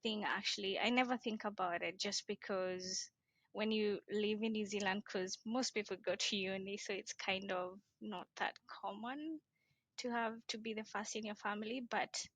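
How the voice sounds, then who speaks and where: Young kenyan-born woman talking slow n unsure, lots of ums, bit of fry, dry sound. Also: mid-range voice, steady tone, a bit bright, no room sound. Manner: hesitant, many ums. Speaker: guest, social entrepreneur. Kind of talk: casual interview talk.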